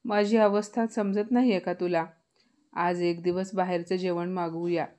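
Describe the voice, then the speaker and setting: A woman voicing a sick wife who speaks calmly and softly while defending herself. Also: fairly low pitch, moderate pace, close to an everyday voice. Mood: weary. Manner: calm, pleading. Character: sick, patient wife, young adult woman.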